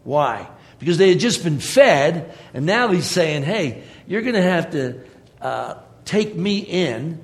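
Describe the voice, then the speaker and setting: Man, preacher, sermon, slightly high pitch, chatty, joking asides. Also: sing-song, slow pace.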